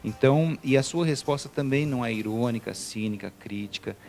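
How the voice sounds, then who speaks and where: A man's voice: medium pitch, a little fast, vocal fry, a little mellow, soft background music. A middle-aged Brazilian man, a teacher, speaking as a guest in a TV interview, hesitant with many fillers and restarts. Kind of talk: TV studio interview.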